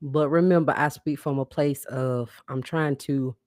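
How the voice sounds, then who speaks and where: A podcast host delivers a live-streamed monologue in a rumbling low voice with a darkish tone, fairly even intonation, and an unhurried pace. Speaking bluntly and casually, she calls her listeners sis and baby, greets viewers, and asks them to interact. The sound is clean studio audio with no echo.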